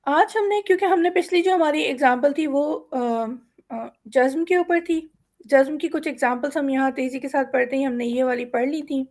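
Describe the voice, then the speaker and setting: Brief: woman teacher with a high voice, patient and methodical, stretches out example words for students to repeat. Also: darkish tone. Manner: mixes English words into her speech. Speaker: Quran reading teacher. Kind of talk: step-by-step lesson explanation.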